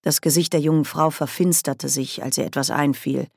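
A woman narrating an audiobook in a measured, even storytelling manner on a close mic. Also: low-pitched, vocal fry, no echo. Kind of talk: scripted narration.

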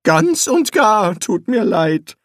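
A hapless, jumpy wizard from a spoken storybook, as a male narrator puts him on. He sounds high and fretful, tripping over his words with flustered exasperation. The voice swings widely and sits close and dry on the mic. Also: big pitch swings, slow, a bit bright, dry recording, exaggerated voice. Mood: apologetic. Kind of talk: audiobook character voice.

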